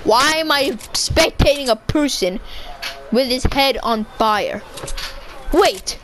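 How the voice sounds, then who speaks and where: Excitable woman gamer, high voice, unhurried delivery, chatty self-correcting commentary. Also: noisy background. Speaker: gaming video creator. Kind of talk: casual gameplay commentary.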